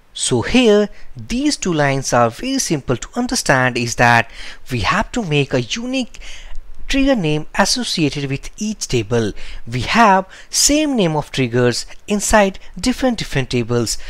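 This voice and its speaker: Man giving a lively coding tutorial. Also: on the high side, no room sound. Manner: explains step by step, correcting himself aloud; nonstandard English phrasing. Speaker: programming tutor. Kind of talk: screen-recorded coding lesson.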